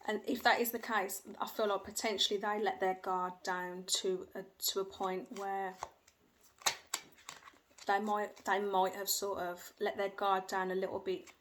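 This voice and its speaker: A woman gives viewers a tarot reading at home in a level, fairly bright mid-range voice, speaking a little slowly. She hedges, repeats herself and goes by what she feels, with her young children faintly heard in the background.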